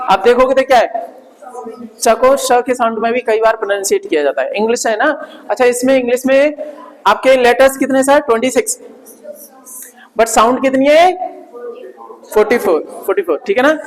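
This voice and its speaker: A man's voice: very high-pitched, big-room sound, rough recording. A man teaching English vocabulary in Hindi, drilling pronunciation, asking students to repeat, and adding playful jokes and frequent tag questions. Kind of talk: classroom vocabulary lesson.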